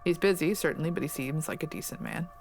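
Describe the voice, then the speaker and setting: A streamer reading aloud the lines of a courteous, guarded manor guest in a mystery video game, in a measured way. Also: mid-range voice, a little hiss or hum, natural voice.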